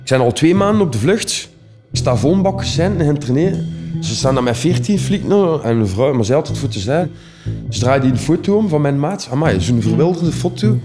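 A man's voice: fairly high pitch, very animated, fairly quick, over music. A young Flemish man telling his own stories casually, rambling in a streetwise way with many fillers. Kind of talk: casual personal storytelling.

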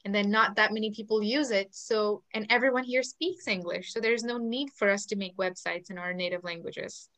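A woman's voice: medium pitch, fairly even intonation, normal speed, hardly any pauses, a bit bright. A woman from India, asking thoughtful questions in a casual discussion.

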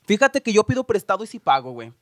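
A man's voice: sits high, big pitch swings, fast, no room sound, studio quality. A man with a Mexican accent co-hosting a podcast, telling stories in laughing, profane banter. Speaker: podcast co-host. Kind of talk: casual chat.

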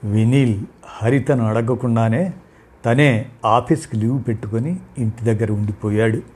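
A male storyteller reading a family drama aloud in a calm, steady voice. His tone is husky and breathy, at a medium pitch. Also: a little slow. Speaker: narrator. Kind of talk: storybook narration.

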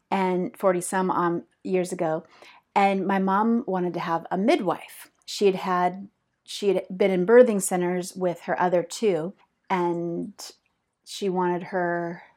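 A woman in her fifties hosts her own podcast and tells a long personal story in a loose, chatty way. She rambles, stops to restart her sentences and fills the gaps with ums. She laughs often as she talks. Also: fairly low pitch. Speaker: podcast host.

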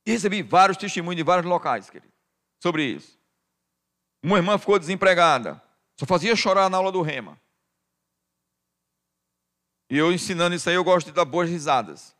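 A middle-aged Brazilian pastor, a man with a Brazilian Portuguese accent, preaching with a somewhat high voice. He keeps calling the congregation "dear" and swings between quiet, intimate stretches and loud, rising passages. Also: animated, fast talker. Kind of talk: sermon.

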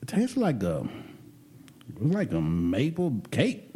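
A man co-hosting a casual talk show, telling a story in an animated, profane way. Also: medium pitch, measured pace, husky. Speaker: podcast co-host telling a vacation story. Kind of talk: casual chat.

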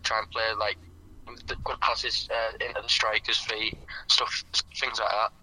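Young man, phone speaker, very bright tone, flat pitch, halting and modest, casual phone-in interview. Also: breathy edge, low-quality recording. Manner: halting and modest, filling gaps with "um" and "like". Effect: heard over a phone on speaker. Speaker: footballer guest calling in.

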